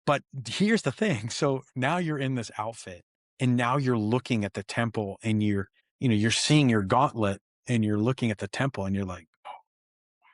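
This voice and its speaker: A man, a stuntman guest, telling set stories in an excited, animated way and acting out quoted dialogue. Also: mid-range voice, moderate pace, no echo, clean studio sound. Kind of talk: animated storytelling interview.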